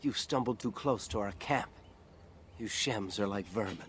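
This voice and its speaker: A man's voice: fairly low pitch, normal speed, a little hiss or hum, close to an everyday voice. A man voicing a haughty young elf hunter in a fantasy video game, sneering and contemptuous. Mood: scornful.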